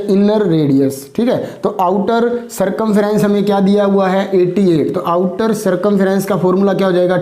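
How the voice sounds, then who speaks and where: A man's voice: sits high, warm tone, reverberant. A male maths teacher working through problems step by step, asking and answering his own questions. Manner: explains with repeated rhetorical questions.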